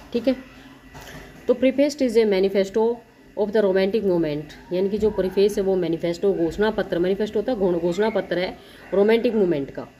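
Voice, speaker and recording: Woman tutor, exam-prep lecture, mellow tone, faint noise behind, reads English questions slowly and explains in Hindi. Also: mid-range voice, rough recording. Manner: frequent self-corrections and "theek hai" check-ins. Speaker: teacher.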